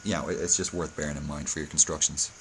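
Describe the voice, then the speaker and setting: Very deep, hungover man, flat delivery. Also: fast, a little hiss or hum. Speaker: video tutorial host. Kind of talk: casual game building tutorial commentary.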